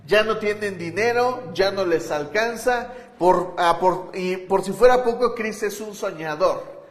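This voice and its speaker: A man's voice: high voice, measured pace. A pastor preaching a conversational sermon, asking his listeners rhetorical questions. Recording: echoey hall with long reverb.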